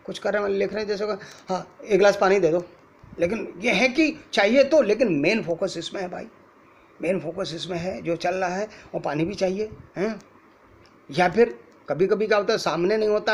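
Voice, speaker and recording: A man's voice: high voice, husky. A man teaching an acting lecture, explaining with spoken examples and rhetorical questions.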